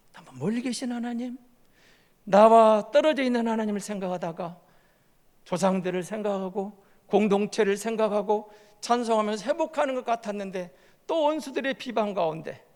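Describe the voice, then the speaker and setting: A man with a high-pitched voice preaches in a church sanctuary, and his words ring out with a long echo. He reads scripture aloud and then explains it plainly, moving between loud emphatic lines and soft, quiet ones. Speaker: pastor. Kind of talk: sermon. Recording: long church hall reverb.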